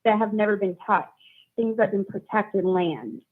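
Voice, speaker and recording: A woman's voice: mid-range voice, moderate pace. A woman calling in to a live stream for a casual political discussion, rambling and searching for words, on narrow call audio.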